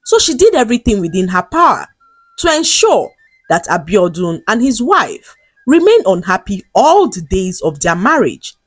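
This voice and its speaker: A woman storyteller with a husky edge to her voice tells a scripted folktale using highly animated pitch and deliberate, dramatic phrasing. The recording is close and dry, with faint music in the background.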